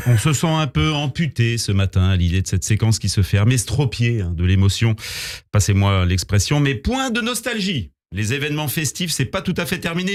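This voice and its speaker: A man with a somewhat high voice delivers a scripted comic monologue on morning radio. His tone stays sardonic and dry, and the punchlines land as deadpan asides. He speaks into a studio microphone in a small booth. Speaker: radio humor columnist.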